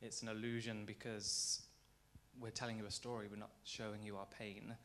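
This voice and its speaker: A man's voice: fairly low pitch, little pitch movement, moderate pace, fairly bright tone. A male ballet dancer answering a question in an earnest, explanatory way in a rehearsal studio. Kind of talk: conversational Q&A answer.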